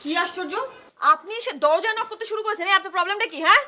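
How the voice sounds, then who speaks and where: A woman's voice: very high voice, racing. An actress playing a fiery young woman neighbour who rehearses dramatic lines and snaps back in an argument. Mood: angry. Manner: chanting theatrical rehearsal lines, then snapping back. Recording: echoey room with loud music.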